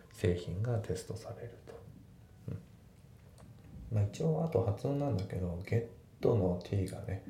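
A man teaching English grammar in a casual, relaxed way, with many fillers, slowing down to read the English example sentences. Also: creaky. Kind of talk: casual spoken lesson. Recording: echoey room with faint rumble.

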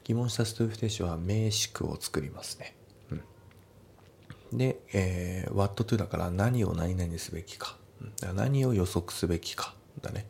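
A man with a very low, gravelly voice talks through an English test lesson, breaking each sentence into parts. He reads the English lines slowly and deliberately, then drops back into relaxed explanation. A faint low rumble sits under the recording. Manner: explains grammar step by step, slowly models English lines, casual Japanese asides. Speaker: English teacher. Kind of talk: TOEIC lesson walkthrough.

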